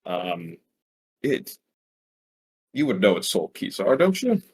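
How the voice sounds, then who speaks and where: A man playing a calm, businesslike adventurer. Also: on the low side, slow pace, breathy edge, heavily acted. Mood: firm. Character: commanding adventurer, in character.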